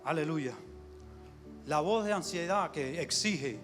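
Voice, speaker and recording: A man's voice: fairly high pitch, animated, slow pace. A man preaching a fervent sermon in a church, calling out amen and hallelujah often. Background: soft instrumental music.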